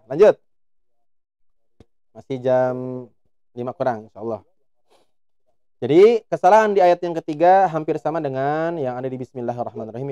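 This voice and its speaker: A man teaching Quran recitation on a live stream, explaining calmly and chanting long drawn-out examples. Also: medium pitch, clean tone, dry recording, muffled recording.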